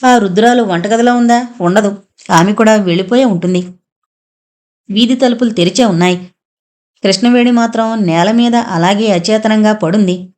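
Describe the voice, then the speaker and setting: A woman narrator reads a horror thriller audiobook. Her voice sits in a middle register, and she keeps the telling steady and suspenseful. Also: medium pitch, moderate pace. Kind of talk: scripted horror novel narration.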